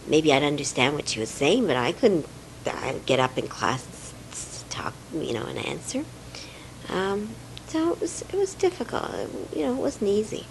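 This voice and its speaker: Older woman from Romania, low voice, halting fillers, faint background hiss; reminiscing interviewee. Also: poor audio. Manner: hesitant, many fillers, soft trailing words. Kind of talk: reflective home interview.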